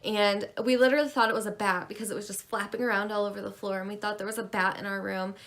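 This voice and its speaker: A young woman from Maine talks to her viewers in a loose, rambling vlog chat, full of quick asides. Her voice sits at an ordinary middle pitch and carries a heavy, gravelly vocal fry. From Maine, USA. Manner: chatty, rambling, animated. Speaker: beauty vlogger. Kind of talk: casual chat.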